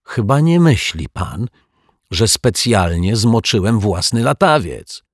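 A tearful, indignant little boy, as a male storyteller puts him on, whining in a strained, raised voice. The sound is a little husky and close, with no room around it. He comes across as upset and complaining from a children's storybook. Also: on the low side, very animated, takes it slowly, dry recording, voice pushed up, full character voice.

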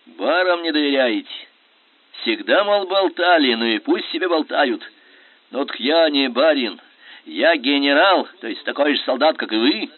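A man's voice: fairly high pitch, lively intonation, normal speed, dry recording, voice pushed up. A man voicing an imperious, scornful Russian general who talks in biting, sarcastic commands. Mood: rousing. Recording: tinny phone-like sound.

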